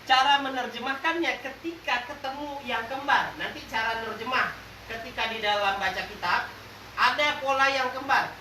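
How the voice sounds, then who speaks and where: A man teaching a lively grammar lesson to a class, quizzing them playfully, joking, and drawing out example words slowly. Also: very high-pitched. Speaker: religious teacher. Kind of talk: classroom lesson with call-and-response. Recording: roomy, distant classroom recording with faint noise.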